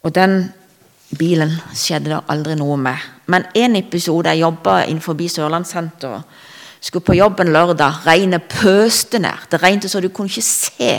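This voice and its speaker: A woman preaching a sermon with personal testimony, fervent, rising to loud emphasis and dropping to whispers. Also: on the low side.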